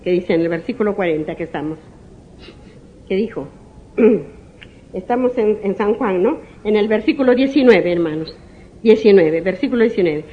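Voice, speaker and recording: A woman pastor preaching a sermon, reading Bible verses slowly and with emphasis, repeating verse numbers and often addressing her listeners as brothers. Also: mid-range voice, lively intonation, muffled recording. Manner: reads scripture slowly and with emphasis.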